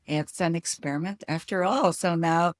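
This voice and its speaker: Low-voiced Filipina podcast co-host. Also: female voice, fairly even intonation, moderate pace, no room sound. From Philippines. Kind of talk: casual chat.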